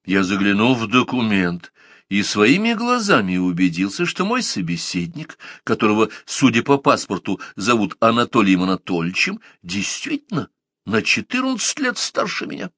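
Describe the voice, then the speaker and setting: Male audiobook narrator, expressive first-person storytelling, lively pitch, dry close sound. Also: moderate pace, dry recording.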